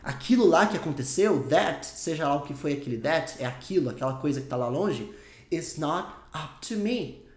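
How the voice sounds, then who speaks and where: A man's voice: fairly high pitch, lively intonation, normal speed, darkish tone, echoey room. A man with a Brazilian Portuguese accent teaching an English lesson, emphatic and repeating each point in new words. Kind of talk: explanatory online lesson.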